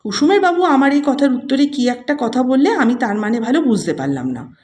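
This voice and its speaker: A woman storyteller reading a classic story aloud in an expressive way. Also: high voice, brisk. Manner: expressive, animated. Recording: roomy echo.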